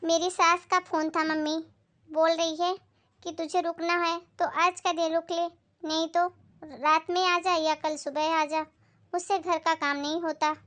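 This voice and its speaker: A woman's voice: very high voice, flat delivery, a little slow, a bit bright. Woman playing an outspoken young married daughter. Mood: aggrieved. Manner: outspoken, complaining. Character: young married daughter visiting her mother. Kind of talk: family moral skit.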